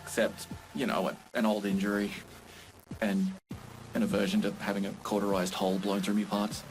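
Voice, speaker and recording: An actor playing a chatty part-machine trader in video game dialogue, genial and sighing. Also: male voice, fairly low pitch, flat delivery, normal speed, over music, natural voice, rough recording. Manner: chatty and genial, sighs a lot.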